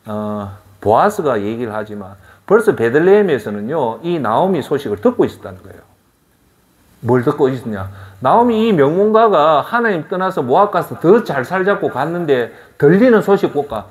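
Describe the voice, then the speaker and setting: A middle-aged man with a Gyeongsang accent preaching a sermon, firing off rhetorical questions in an animated way. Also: on the high side, normal speed. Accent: Gyeongsang Korean. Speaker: pastor.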